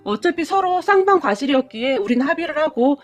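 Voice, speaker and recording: A woman narrating a story in first person, expressive and dramatic. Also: sits high, a little fast. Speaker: story reader.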